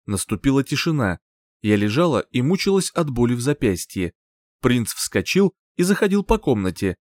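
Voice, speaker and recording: A man reading an audiobook in first person, expressive and lively, close to the mic. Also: mid-range voice, moderate pace, no echo. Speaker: audiobook reader. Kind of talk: scripted narration.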